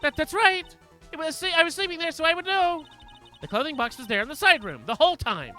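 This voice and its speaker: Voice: high voice, lively intonation, a little fast, bright, forceful tone, soft background music, pitched above the performer's own voice. A game streamer voicing a snappish, defensive young female witness in a courtroom video game, indignant and stammering. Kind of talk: video game dialogue read aloud.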